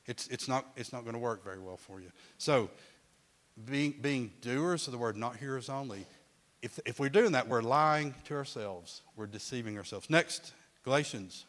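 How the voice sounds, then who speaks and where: A man's voice: mid-range voice, normal speed, fairly bright tone. A middle-aged man teaching a Bible class in a conversational way, often restarting words and putting questions to his listeners.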